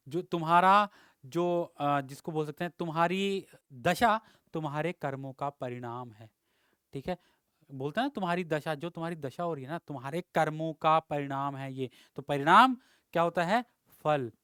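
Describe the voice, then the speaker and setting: A man's voice: fairly high pitch, fairly bright tone, smooth, dry recording, studio quality. A male teacher giving an exam-prep Hindi lesson, explaining words with rhetorical questions and frequent checks of "ठीक है".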